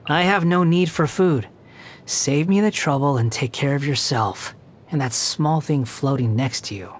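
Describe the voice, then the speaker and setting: A young man voicing an aloof, sardonic puppet wanderer in a video game, with a condescending, sharp-tongued, theatrical delivery. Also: on the high side, unhurried. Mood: aloof, haughty. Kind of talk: video game character voice lines.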